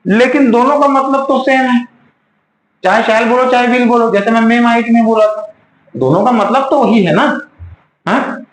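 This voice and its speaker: An extremely high-pitched man speaks at a measured pace while teaching a grammar lesson in class. He quizzes his students over and over with repeated questions, and the room gives a roomy echo.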